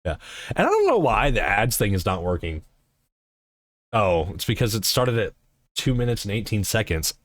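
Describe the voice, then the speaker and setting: A man's voice: on the low side, huge pitch swings, moderate pace, long pauses, fairly bright tone, no room sound. A man streaming live, chatting casually and answering his chat in a rambling, swearing way.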